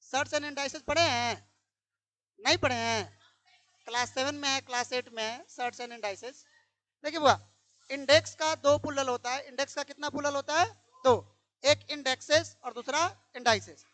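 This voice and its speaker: A woman with a high voice teaches grammar to a room of pupils. She fires questions at them and repeats each one until they answer. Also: steady tone, moderate pace, a bit bright, no echo. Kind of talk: classroom grammar lesson. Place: classroom.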